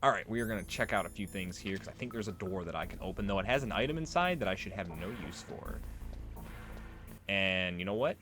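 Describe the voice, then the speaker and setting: Over video game music, a male let's player gives casual, rambling commentary, explaining things and drifting onto tangents. His voice is low-pitched and expressive, and he talks briskly.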